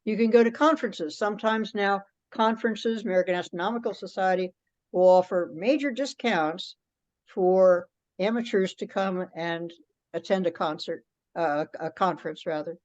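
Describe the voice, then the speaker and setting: Presenting informally on a teleconference, a woman explains her topic conversationally at a moderate pace. Her voice is medium-pitched with a darkish tone, and the call audio sounds dull and lo-fi.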